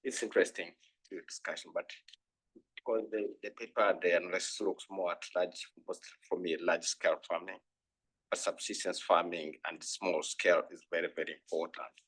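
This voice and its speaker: Husky, halting man. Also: sits low, fairly even intonation, fairly bright tone, low-quality recording. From Uganda. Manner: halting, earnest, with frequent restarts. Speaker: panel discussant. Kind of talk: conference panel comment.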